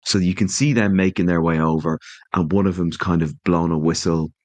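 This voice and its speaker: A man's voice: low voice, steady tone, brisk, darkish tone, no echo. A man narrating as game master and setting scenes loosely and descriptively.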